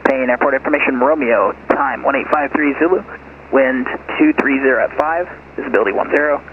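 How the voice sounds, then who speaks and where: A man's recorded airport weather broadcast, heard over an aircraft radio, read in a flat, measured way. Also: mid-range voice. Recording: muffled radio with heavy noise.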